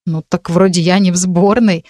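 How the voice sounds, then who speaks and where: A woman's voice: fairly low pitch, steady tone, normal speed, dark tone, dry recording, clean studio sound, natural voice. A woman voicing Marina, a stubborn teenage witch girl who talks defensively and reasons her way out. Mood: placating. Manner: defensive, reasoning, a bit sulky.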